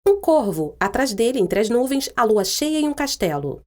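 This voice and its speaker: Lively high-voiced woman audio describer. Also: moderate pace. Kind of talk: scripted audio description narration.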